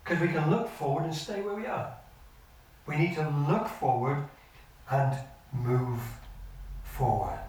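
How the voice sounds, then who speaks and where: An older man preaching a sermon as pastor, earnest and measured, his sentences often sinking low at the end. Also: a little mellow. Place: church hall. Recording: echoey church hall from far off.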